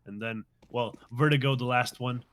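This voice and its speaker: A man doing live play-by-play commentary on a competitive shooter match, reacting quickly to the action. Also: medium pitch, steady tone, fairly bright tone, slight background noise. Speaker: esports commentator.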